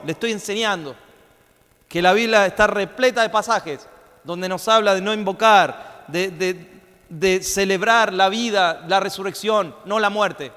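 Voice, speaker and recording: Male pastor, high voice, emphatic sermon delivery with repetition, recorded with long hall reverb. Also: sharp tone. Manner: emphatic preaching, repeats phrases and slows down to stress them. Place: church.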